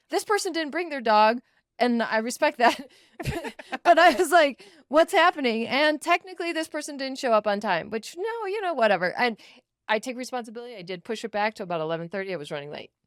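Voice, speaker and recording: Woman, podcast co-host, casual chat, high voice, very lively pitch, laughs a lot. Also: smooth, no echo, studio quality. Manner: chatty, laughs often, says like a lot. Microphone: studio mic.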